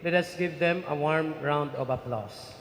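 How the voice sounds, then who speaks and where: A man serving as a priest, reciting wedding blessings in a measured, formal way, his voice carrying a cathedral echo through a large church. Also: on the high side. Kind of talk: liturgical blessing at a wedding mass. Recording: echoey church hall, faint ambience.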